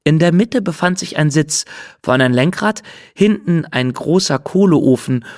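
Male storybook narrator, lively delivery, slightly higher voice. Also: a little slow, no room sound, clean studio sound. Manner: expressive, storytelling. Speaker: audiobook narrator.

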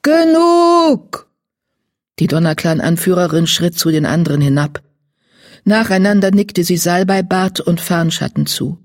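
Audiobook narrator, measured storybook delivery, breathy tone, close dry sound. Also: mid-range voice, steady tone, dry recording.

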